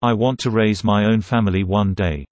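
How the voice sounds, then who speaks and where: A man reading short translated phrases for a language lesson in a measured, clear way. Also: on the low side, fairly even intonation, darkish tone, dry recording. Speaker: phrase reader.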